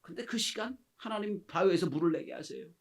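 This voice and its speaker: A middle-aged man preaching in a fairly high, ringing voice. He delivers his sermon with passion, acting out quoted speech. He swings from loud exclamations down to hushed near-whispers. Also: animated, brisk, creaky. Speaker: pastor.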